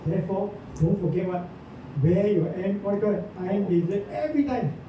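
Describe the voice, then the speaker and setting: A man giving an informal lecture to a small group, constantly asking the listeners questions and filling gaps with "ah" and "uh". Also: fairly quick. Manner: keeps quizzing listeners with questions, many "ah" and "uh" fillers. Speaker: presenter. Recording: echoey room, distant mic, dull sound, rumbling noise.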